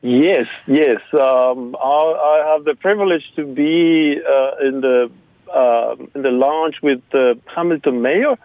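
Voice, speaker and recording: A man from Argentina with an Argentine Spanish accent, a guest on a radio interview, speaking haltingly with many fillers and restarts. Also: mid-range voice, no room sound. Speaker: guest, local rugby supporter. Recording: phone line, dry.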